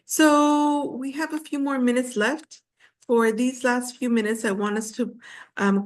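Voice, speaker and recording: Woman teacher on a video call, kinda high voice, talks slow and patient, mixes english and spanish. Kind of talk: online class teaching.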